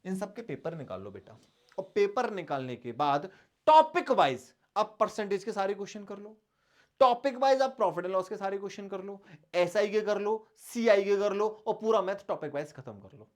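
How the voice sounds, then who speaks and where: A man teaches an online exam-prep lesson, talking strategy with his students affectionately, repeating his points and asking rhetorical questions. His voice is high and sing-song, at a normal speed.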